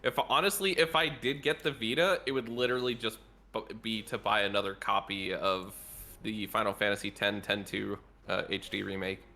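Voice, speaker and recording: Man, casual podcast guest, gravelly and bright, giggly, rambling. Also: fairly low pitch, fairly even intonation, normal speed. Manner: giggly, rambling with many restarts. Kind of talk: casual chat.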